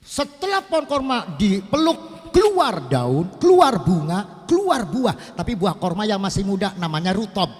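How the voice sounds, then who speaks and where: A man's voice: high voice, sing-song, normal speed, in a large hall. A middle-aged man preaching a humorous sermon at a religious gathering, telling a story and joking with the audience. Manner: joking, addresses the audience as Pak and Bu. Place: religious gathering in a housing estate.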